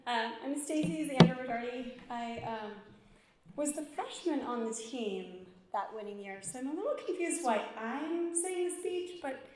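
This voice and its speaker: A woman giving an informal, self-deprecating acceptance speech with hesitant pauses. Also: sits high, animated, a crowd in the background. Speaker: award honoree, former team member. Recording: echoey hall, faint noise.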